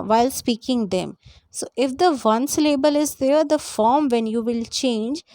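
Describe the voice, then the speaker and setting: A woman's voice: on the high side, darkish tone, no room sound. A woman explaining a grammar lesson, going step by step and repeating her points. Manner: lists examples slowly one by one. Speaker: English teacher.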